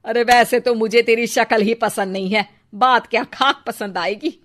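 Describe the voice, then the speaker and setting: A woman plays a cranky, sharp-tongued older Indian mother-in-law in a Hindi cartoon story, scolding and sarcastic. Her voice is fairly high-pitched, at normal speed, with light acting.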